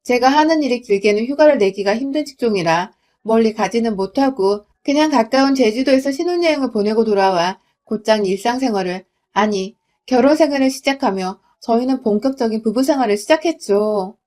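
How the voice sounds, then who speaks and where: A young woman from Gwangju, South Korea, narrates a first-person story in a smooth, confiding reading voice. Her pitch sits on the high side, and she reads a little fast with few pauses and a mellow tone.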